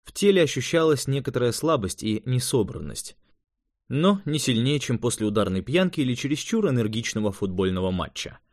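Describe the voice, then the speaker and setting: A man reading fiction aloud as an audiobook narrator in an expressive, measured way. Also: mid-range voice, dry recording, clean studio sound. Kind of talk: scripted narration.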